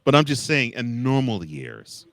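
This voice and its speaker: A man's voice: mid-range voice, sing-song, measured pace, a bit bright, dry recording, clean studio sound. An American man co-hosting a casual college football discussion, repeating words and phrases for emphasis. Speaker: sports show co-host.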